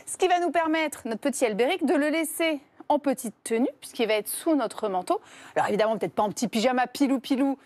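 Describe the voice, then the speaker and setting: A woman's voice: high voice, quick pace, darkish tone, dry recording. A woman demonstrating babywearing coats on a TV set, chatty and playful. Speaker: babywearing expert presenting products. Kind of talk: TV product demonstration. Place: TV studio set.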